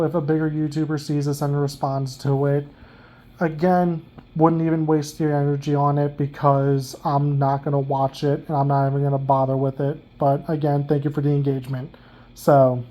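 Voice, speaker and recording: Quiet, lowered young man's aside. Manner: subdued, lower and quieter than his usual rant. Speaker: movie reviewer. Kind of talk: calm follow-up aside.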